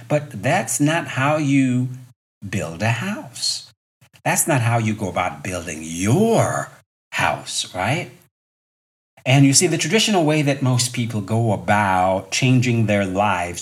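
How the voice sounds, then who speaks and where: This fitness coach in his fifties runs a solo motivational podcast with a mid-range voice. He keeps things conversational and emphatic, asking rhetorical questions and hammering home key points.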